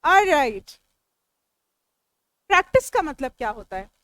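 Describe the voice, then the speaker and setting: A woman with a high voice and an Indian English accent teaches English vocabulary to a class. She works through each word slowly, splitting it into its parts and turning to the students to ask and answer. Her voice sits close on the mic in a dry room with no echo. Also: very animated, fairly bright tone. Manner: explains word meanings step by step, talks back to students. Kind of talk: classroom lecture.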